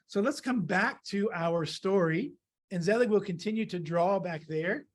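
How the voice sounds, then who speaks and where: A woman reading a children's story aloud and drawing along, lively and laughing, jumping into small character voices. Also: medium pitch, normal speed. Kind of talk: storytime read-aloud for kids.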